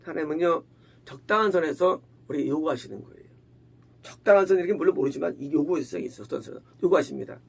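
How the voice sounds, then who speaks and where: A man's voice: a little high, fast talker, creaky, breathy edge. A male pastor preaching a sermon in a conversational way, asking the congregation questions and acting out quoted lines. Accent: Korean. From Korea.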